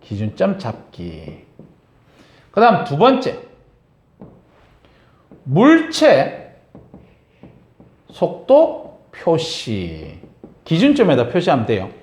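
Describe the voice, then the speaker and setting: A man's voice: a little high, drawn-out words, long pauses, roomy sound. A man teaching a science class, lecturing and often checking in with his students. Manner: lively, asks students frequent check-in questions.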